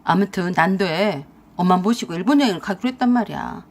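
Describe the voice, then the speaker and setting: Woman doing a lower-voiced whiny scheming husband. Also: lively intonation, a little fast. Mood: stubborn. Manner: wheedling, defensive.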